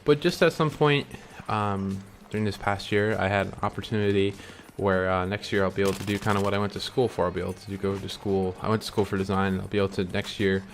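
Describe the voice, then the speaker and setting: Barely pausing, this fast-talking young man speaks in a low, steady tone as he chews candy and rambles to camera about his dreams. His casual, heartfelt vlog is full of ums and restarts, and a little hiss or hum runs underneath.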